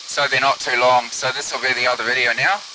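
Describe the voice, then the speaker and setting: A man's voice: medium pitch, fast, rough recording. A man piloting a microlight gives casual, musing running commentary through a pilot's headset, as if over the radio. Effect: pilot's headset or radio sound. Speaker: microlight pilot filming own flight. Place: open microlight aircraft in flight. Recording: steady aircraft engine and wind hiss.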